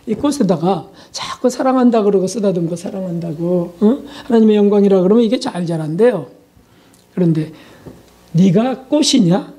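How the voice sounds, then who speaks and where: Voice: mid-range voice, brisk, warm tone. Pastor delivering a sermon, emphatic, repeats key words, fires rhetorical questions at the congregation.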